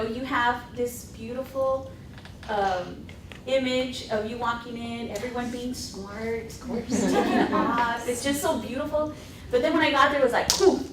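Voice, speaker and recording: A woman's voice: fairly high pitch, background noise. A woman on a teachers' panel telling stories about her early days in the classroom, acting out what people said to her. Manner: animated, acts out past dialogue in quotes. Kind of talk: conversational panel storytelling. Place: conference room panel. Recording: echoey room, mic at a distance.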